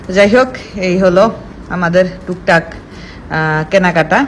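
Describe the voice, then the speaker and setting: A woman's voice: lowish voice, normal speed, a little hiss or hum, rough recording. A young woman, chatting casually to viewers in a home grocery haul vlog. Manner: chatty, talks to viewers and to her husband off camera. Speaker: vlogger. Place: home kitchen.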